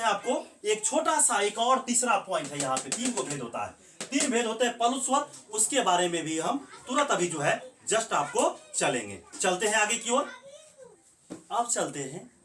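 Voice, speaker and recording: Animated, high-voiced man teaching grammar. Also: a little hiss or hum. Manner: repeats questions to the class and answers them himself. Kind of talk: Hindi grammar lesson. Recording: echoey room, voice from a distance.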